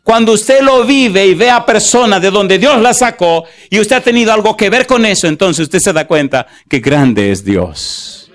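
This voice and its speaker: A male pastor delivers a sermon in a fairly high voice. He stretches out scripture verses word by word and keeps asking the congregation questions to press his point. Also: animated, a bit bright. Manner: asks the congregation rhetorical questions; slows to stress scripture verses.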